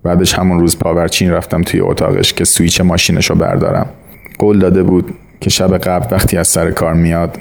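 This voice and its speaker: Male storyteller for an audiobook; deep, creaky, monotone, measured. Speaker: narrator. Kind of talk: audiobook narration of a short story.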